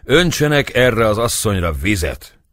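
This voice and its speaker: A man's voice: sits low, very animated, creaky, a little mellow, breathy edge, no room sound, exaggerated voice. A man reading an audiobook, voicing a brusque, impatient soldier captain giving curt orders.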